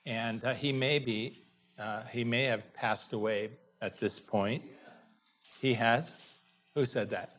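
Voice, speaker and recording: A male pastor preaching a sermon in a halting, conversational way, with many fillers and restarts. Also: mid-range voice, fairly even intonation, fairly bright tone, slight background noise.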